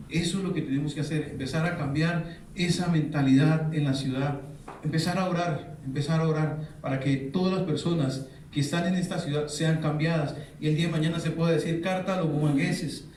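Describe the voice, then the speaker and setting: A man's voice: a little high, darkish tone, a little hiss or hum. A man preaching a sermon in a church, quizzing the congregation with fill-in questions. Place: church hall. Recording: very echoey hall, mic far off.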